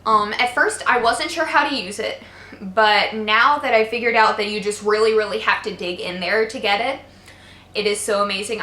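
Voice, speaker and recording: A woman's voice: medium pitch, bright, forceful tone. A young woman talking casually in a makeup favorites vlog, chatty and gushing, with many fillers. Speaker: beauty vlogger. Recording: echoey room.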